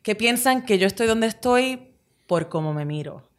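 A Puerto Rican presenter and actress in her forties chats candidly as an interview guest in a small studio, speaking into a table mic on a stand. Her fairly high, expressive voice moves at normal speed in a Puerto Rican Spanish accent as she talks with her hands and slips into English phrases.

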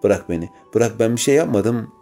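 A man's voice: fairly low pitch, lively intonation, brisk, vocal fry, mellow, faint music behind. A man voicing a frightened young woman captive, pleading desperately in an audiobook.

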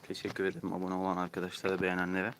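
A man's voice: low-pitched, monotone, rapid-fire. A man casually vlogging outdoors as he shows his ducklings, coaxing and cooing at them and often urging viewers to subscribe. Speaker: YouTuber showing his ducklings. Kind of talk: casual vlog narration. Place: outdoors in a hot yard. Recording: loud outdoor background noise.

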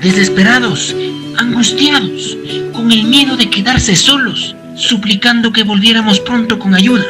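Somber voice-over narrator, medium pitch, guitar bed. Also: unhurried. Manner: solemn, somber. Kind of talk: scripted narration. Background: guitar music.

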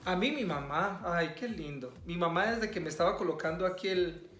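A young man from Colombia, chatting casually in a relaxed, rambling way in a vlog. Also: high voice, brisk. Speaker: vlog co-host. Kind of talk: casual chat. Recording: echoey room with faint music.

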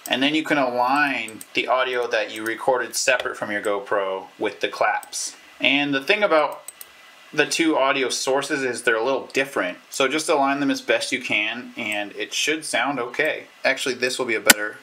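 Speaking at normal speed and medium pitch, with a pushed, bright voice, a man in his thirties explains a how-to casually for a YouTube tutorial, stopping and starting as he demonstrates. A clip-on lavalier or camera mic records him with a little hiss or hum.

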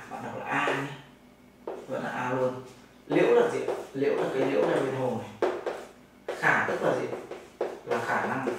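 A man's voice: mid-range voice, creaky. A man from Vietnam with a Northern Vietnamese accent, teaching a classroom language lesson, explaining step by step and answering his own questions. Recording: very echoey room, mic far off, noisy.

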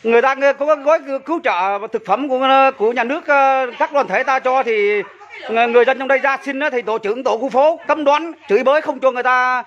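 A man making a halting, hesitant appeal to online viewers, recorded on a muffled phone video. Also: very high-pitched, a bit bright. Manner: hesitant, halting, repeats himself. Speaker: resident filming an appeal.

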